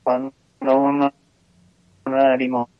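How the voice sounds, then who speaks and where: A man's voice: medium pitch, completely flat delivery, dry recording. A man with a Rioplatense Spanish accent who talks reflectively from a remote connection that keeps cutting out. His phrases break off and restart. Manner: halting, hesitant, words cut off mid-phrase. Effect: remote line breaking up and cutting out. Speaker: remote panelist on a talk show. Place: remote call, not in the studio. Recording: muffled, dry breaking-up remote line.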